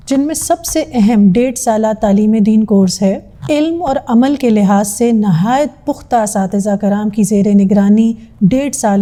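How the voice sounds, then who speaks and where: A woman's voice: a little high, warm tone. A woman giving a formal, earnest scripted narration introducing a religious studies course. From Pakistan.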